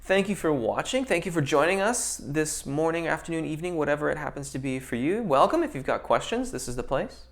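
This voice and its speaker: His voice fairly high with lively intonation, a young voice teacher moves briskly through a casual live-stream Q&A with few pauses. He reads viewer comments aloud and answers with technical vocal terms, though he says um a lot and restarts sentences.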